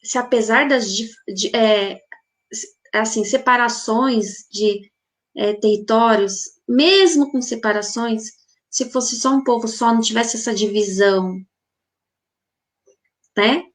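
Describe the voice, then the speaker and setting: Speaking at a slow pace in a slightly high voice, a woman hosting a spiritual healing group reflects aloud on a live talk. She responds to viewer comments and asks her listeners lots of rhetorical questions.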